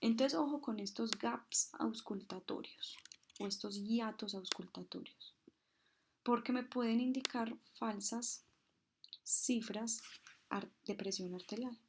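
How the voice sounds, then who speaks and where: A woman's voice: a little high, slow pace, background noise. A woman instructor explaining a medical procedure, mimicking heartbeat sounds and answering her own questions. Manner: asks questions and answers them herself.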